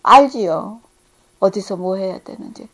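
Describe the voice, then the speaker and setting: A middle-aged woman preaching a sermon, earnest, rising to emphatic peaks and then dropping to hushed, quiet tones. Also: medium pitch, a little slow.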